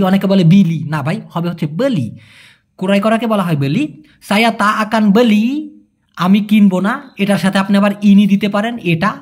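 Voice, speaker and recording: A man teaching a language in a casual lesson. He repeats phrases slowly and then explains them quickly, answering viewers' questions. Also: high-pitched.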